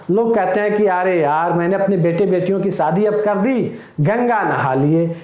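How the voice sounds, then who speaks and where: High-voiced man teaching in an echoey room. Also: muffled recording. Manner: explains each idiom with everyday example sentences; addresses viewers as friends. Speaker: exam prep teacher. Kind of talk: recorded lecture.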